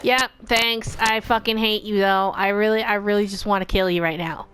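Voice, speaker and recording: A woman's voice: medium pitch, fairly even intonation, normal speed, a bit bright, clean tone. A young woman commentating her gameplay casually, exasperated and dramatic, swearing freely. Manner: exasperated, profane, dramatic outbursts. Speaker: let's play gamer.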